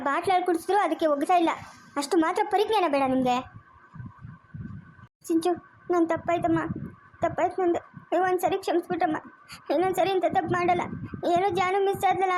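A woman's voice: extremely high pitch, a little hiss or hum. A woman with a Chikkaballapur Kannada accent, acting as a rural woman in a family drama, scolding and pleading with emotion.

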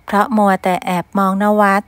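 A woman narrating a romantic story in an even storytelling manner, close to the mic. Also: a little fast, no room sound.

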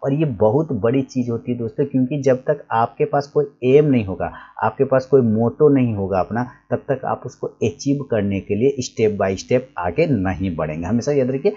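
A man's voice: medium pitch, moderate pace, hardly any pauses, mellow. Man, trading teacher, casual lesson, repeats points patiently, muffled lo-fi audio. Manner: explains patiently, repeating points and acting out examples. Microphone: recorded while writing on a board.

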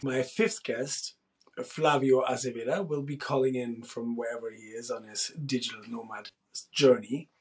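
A man in his forties hosts a casual monologue to camera from a small room, speaking thoughtfully at a normal pace. His voice is medium-pitched and steady, and he often restarts his sentences.

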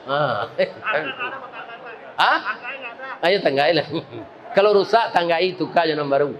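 A man with a Minangkabau accent preaching a humorous sermon before a gathering, telling a story in a lively way that swings from quick jokes to slow pleading prayers. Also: fairly high pitch, gravelly, dull audio, slight background noise. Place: live gathering before an audience.

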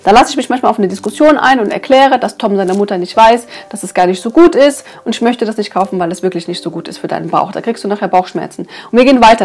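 A woman's voice: medium pitch, darkish tone. A woman talking earnestly and casually to her viewers, explaining parenting advice with frequent hesitations. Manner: earnest, hesitant with many fillers. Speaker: parenting vlogger reviewing a book.

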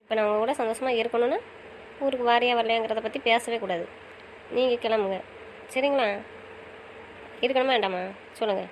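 Quick, higher-voiced young woman teasing. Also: fairly even intonation, a little hiss or hum, poor audio. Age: young adult. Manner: affectionate, teasing, pleading. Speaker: wife in a couple's chat. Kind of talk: casual couple banter.

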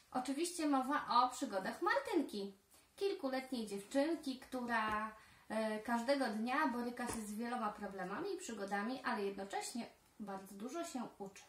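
A preschool teacher, a woman, reading a children's story aloud with clear, careful storytelling. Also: on the high side, fairly bright tone. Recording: roomy echo.

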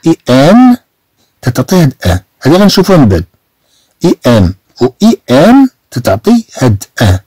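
A Moroccan man teaching French pronunciation in Moroccan Arabic, slowly repeating and stretching example words. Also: medium pitch, dark tone, no room sound, poor audio. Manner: slow, drawn-out repetition of example words.

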